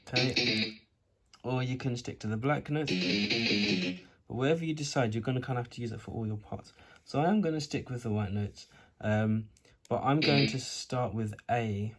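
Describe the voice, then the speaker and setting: A man's voice: mid-range voice, moderate pace, soft background music, low-quality recording. Man teacher with W-like R's. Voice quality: cannot pronounce R's properly, R sounds like W. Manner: informal, thinking aloud while working. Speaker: music teacher. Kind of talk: informal screen-recorded tutorial, demonstrating step by step.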